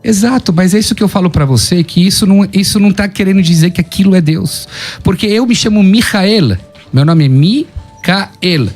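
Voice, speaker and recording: Um homem, professor de hebraico, que explica com paciência num debate teológico. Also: male voice, sits high, a little fast, darkish tone, soft background music. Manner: explanatory, argues patiently. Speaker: Hebrew teacher. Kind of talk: theological debate.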